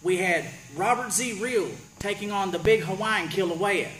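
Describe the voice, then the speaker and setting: High-pitched male wrestling promo host, echoey. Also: moderate pace, a bit bright. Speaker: wrestling show host, interviewer. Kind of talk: wrestling promo show rundown and interview. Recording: echoey room with faint background noise.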